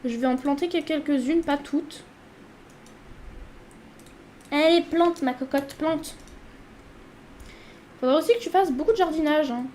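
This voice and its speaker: High, mellow-voiced woman gaming host. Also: a little slow, pauses often, a little hiss or hum. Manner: chatty, talks to her character. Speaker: let's play host. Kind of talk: casual gameplay commentary.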